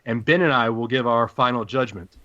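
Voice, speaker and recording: A man with a deep Southern US accent hosting a casual sports podcast in a folksy, playful showman's way. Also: a little fast, pushed and bright, no room sound, lo-fi sound.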